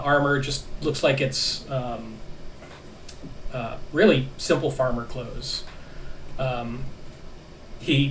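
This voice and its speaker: A man narrating as game master of a tabletop role-playing session, halting with many fillers. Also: medium pitch, fairly bright tone, a little hiss or hum. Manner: halting, many ums and restarts. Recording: distant mic with faint ambience.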